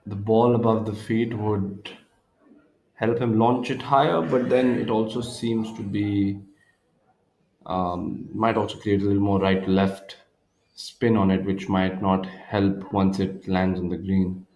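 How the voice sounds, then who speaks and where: A man working as a golf commentator, calling tournament play live in a measured manner with pauses. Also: on the low side, steady tone, a little mellow. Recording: roomy, echoing sound.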